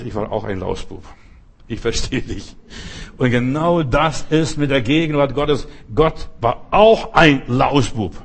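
A middle-aged man from the former Soviet Union preaching a sermon, talking straight to the listener and bursting into dramatic shouted cries for help. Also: medium pitch, creaky, slightly rough. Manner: talks straight to the listener with repeated "verstehst du".

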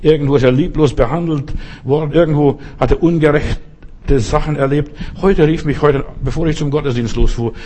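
An older man, a pastor, delivering a sermon with slow, emphatic repetitions and exclamations. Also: a little high, darkish tone, a little hiss or hum.

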